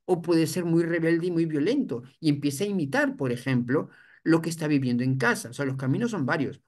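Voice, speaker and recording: A family counselor, giving an educational talk on parenting. The speaker explains patiently and restates points with rhetorical questions. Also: mid-range voice. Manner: explanatory, repeats points, often adds "for example". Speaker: family counselor addressed as doctor.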